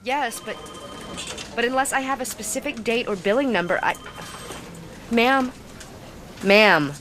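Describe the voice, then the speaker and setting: An actress playing a flustered customer service representative who gets defensive and talks over a caller in a workplace training drama. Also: female voice, a little high, a little hiss or hum. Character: flustered female phone service rep.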